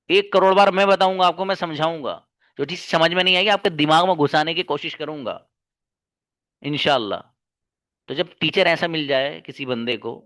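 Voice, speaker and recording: A man's voice: on the high side, sharp tone, no echo. A man teaching an online English class, speaking earnestly and reassuringly to his students and repeating points for emphasis. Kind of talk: live online class, encouraging lecture.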